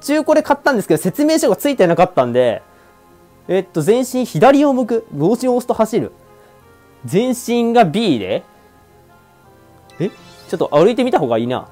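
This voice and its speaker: An excitable man, giving playful commentary while he plays a game. He jokes and talks back at the screen, and his pitch bounces up and down a lot. Game music plays faintly behind him. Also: normal speed, pauses often. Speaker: let's-play streamer.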